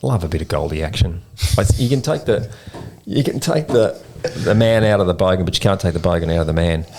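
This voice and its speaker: Gravelly low-voiced Australian man. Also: fairly quick. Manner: rambling, animated storyteller with slang. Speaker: podcast co-host. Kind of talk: casual storytelling chat. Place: in-person podcast recording.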